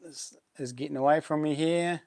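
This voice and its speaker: A man's voice: a little high, steady tone, normal speed, gravelly, darkish tone, no room sound, clean studio sound. A man with a broad New Zealand Kiwi accent hosting a casual live stream, chatting to viewers in laid-back, matey slang.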